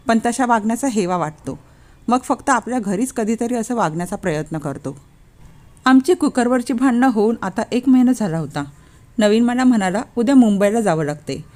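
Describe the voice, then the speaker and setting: A woman's voice: fairly high pitch, darkish tone. A woman narrating a first-person story, lightly acting out the quoted lines.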